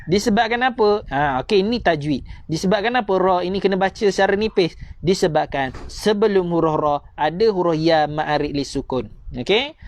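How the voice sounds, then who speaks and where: A man with a Malaysian accent teaching a tajwid lesson online, repeating points and coaxing listeners to recite after him. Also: on the high side. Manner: repetitive, coaxing teacher, slows to drawn-out recitation.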